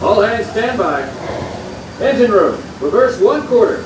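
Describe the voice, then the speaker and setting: A man's voice: sits high, lively intonation, a little slow, music in the background. Man as a folksy, swooping riverboat pilot. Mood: commanding, folksy. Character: folksy old-time riverboat pilot spinning wry yarns. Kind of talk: theme park ride narration. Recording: echoey distant boat loudspeaker, clear noise.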